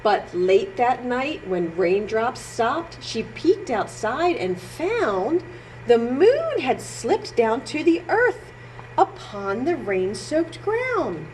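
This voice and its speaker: A woman with a high, animated voice gives an expressive read-aloud to young children as a storytime librarian. Her sing-song reading has exaggerated emphasis and pauses to talk about the pictures, captured in poor audio with slight background noise.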